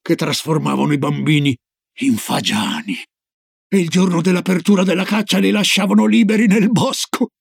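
A man reading an old Norwegian grandmother in a storybook, slow and low, with a gravelly, husky voice. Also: lively intonation, no echo, clean studio sound, heavily acted. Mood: ominous. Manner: slow, low, solemn warnings.

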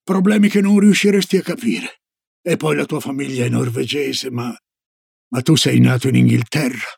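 A man reading an old Norwegian grandmother in a storybook, slow and low, with a gravelly, husky voice. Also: a little mellow, no echo, clean studio sound. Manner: slow, low, solemn warnings.

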